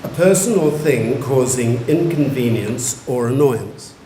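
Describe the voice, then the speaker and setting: Male spelling bee pronouncer, mid-pitched, careful deliberate enunciation, recorded in a reverberant hall. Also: lively intonation, warm tone. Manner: slow, careful enunciation of each word. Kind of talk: reading words, definitions and sentences aloud. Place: large museum hall. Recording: echoey hall, faint room noise.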